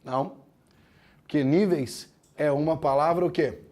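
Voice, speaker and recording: A man teaching a grammar lesson, explaining step by step, asking the class questions, and slowing down to break words into syllables. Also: on the high side, a little mellow. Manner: slows down to spell out words syllable by syllable. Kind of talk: classroom lecture.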